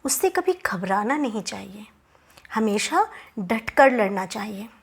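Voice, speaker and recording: A woman narrating a moral story in a relaxed, conversational way, with small asides to the listener. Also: mid-range voice, a little slow, gravelly, breathy edge.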